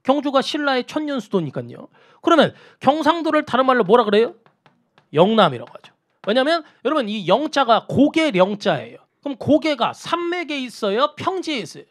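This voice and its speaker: Man lecturing with lively high pitch. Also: fairly quick. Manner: asks students questions and answers them himself; repeats key terms for emphasis. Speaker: Korean history lecturer. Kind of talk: exam-prep lecture.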